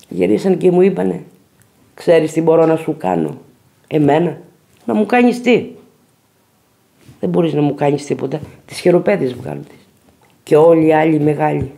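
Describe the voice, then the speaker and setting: A man's voice: fairly high pitch, gravelly, dark tone. A man, a parent, giving a bitter, accusing documentary testimony. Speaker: interviewee, parent.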